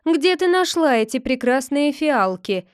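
A woman's voice: sits high, very animated, measured pace, no echo, studio quality, pitched above the performer's own voice. A woman voicing a spiteful, bossy young sister who speaks with contempt in a read-aloud fairy tale. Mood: contemptuous. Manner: contemptuous, shouting.

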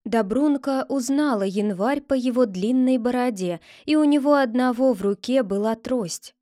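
A woman narrating a fairy tale aloud in a calm, even storytelling manner. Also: a little high, normal speed, no room sound, clean studio sound.

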